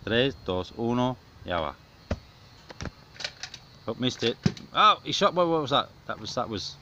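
This middle-aged man's mid-range voice swings widely in pitch as he unhurriedly delivers jokey, mock-dramatic commentary over a home video. It was filmed in a small back garden, and the outdoor camera sound is muffled, noisy and full of clicks.

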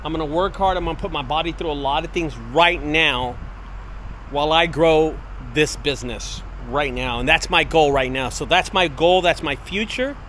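A man in his late forties gives a casual walk-and-talk vlog through an empty warehouse and out in the open air. His voice sits slightly high, and he speaks earnestly, circling back to the same points. Faint outdoor noise runs behind him. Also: moderate pace, fairly bright tone. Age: 40s. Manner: earnest, repetitive motivational pep talk. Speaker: business owner vlogger. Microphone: wireless earbud mic, handheld camera.

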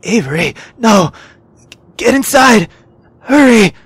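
A woman's voice: fairly high pitch, expressive, slow pace, husky, dry recording, full character voice. A woman voicing a battered young man who is desperate to protect his friends. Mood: urgent.

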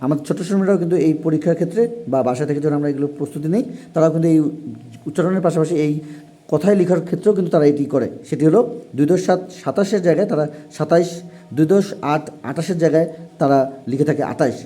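Fast-talking man teaching a lesson. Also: on the high side, warm tone. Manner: formal, repetitive explaining with frequent pauses. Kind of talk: classroom lesson for parents and young pupils.

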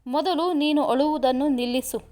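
A woman's voice: sits high, moderate pace, darkish tone, close to an everyday voice. A woman voicing a pleading young boyfriend. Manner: coaxing, protesting. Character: young man, fond, defensive boyfriend.

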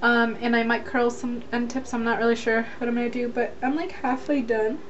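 In a chatty vlog filmed in her small closet and bedroom, a young American woman talks fairly quickly in a fairly high, flat voice. She is informal and rambling, with frequent "like." The handheld camera sits at arm's length, and the audio comes out dull and noisy.

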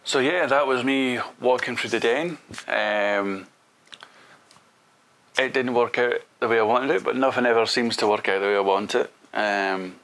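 A man's voice: mid-range voice, moderate pace, a bit bright. A man, talking casually to camera from his studio with frequent ums. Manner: chatty, loose, frequent ums. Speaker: photography vlogger. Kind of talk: casual vlog outro. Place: indoor home studio.

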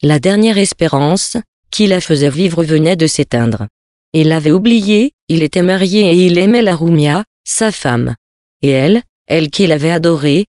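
A reader narrating a literary tale with measured, expressive phrasing. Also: medium pitch, no echo, clean studio sound.

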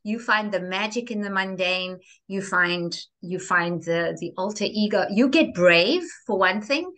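A woman speaking as a guest in an interview, expressive and theatrical, with lively emphasis on key words. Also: mid-range voice, unhurried. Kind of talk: enthusiastic interview conversation.

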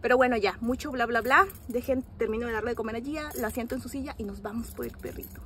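A young mother, chatting casually to her phone camera for a family vlog and using soft baby talk with her little daughter. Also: fairly high pitch, quick pace, slight background noise. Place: at home and in a car.

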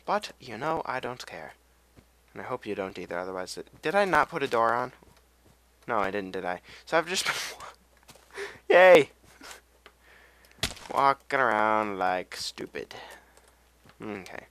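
A young man rambles casually over a video game as a gameplay commentator, drifting off on tangents and humming and singing to himself. His lowish voice is animated, bright and forceful at a moderate pace, with slight background noise.

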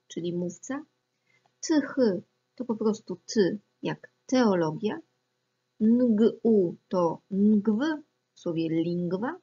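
A woman gives a methodical lesson, carefully explaining pronunciation rules and sounding out examples. Her voice is husky. The recording is a little dull and lo-fi. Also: medium pitch. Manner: calm, methodical, spells out examples. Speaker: Latin teacher.

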